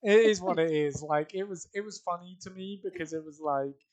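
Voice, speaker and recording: Man, English accent, young adult, podcast host, animated storytelling, swears freely, laughs a lot. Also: high voice, moderate pace, a crowd in the background. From England. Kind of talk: casual chat.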